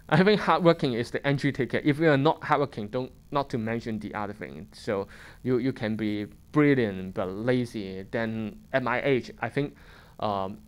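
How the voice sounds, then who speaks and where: Lecturing students at a seminar, this man, a fund manager in his thirties by the sound of it, has a Hong Kong accent and a mid-range voice with fairly smooth, resonant tones. He talks off the cuff in plain, conversational English, restarting sentences and chuckling briefly as he goes through his points.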